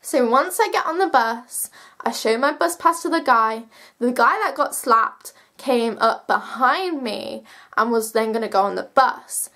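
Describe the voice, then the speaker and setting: High-pitched teenage girl telling a story. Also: measured pace, pushed and bright. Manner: slangy, swearing, emphatic. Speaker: vlogger telling a personal story. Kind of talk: casual animated storytime monologue.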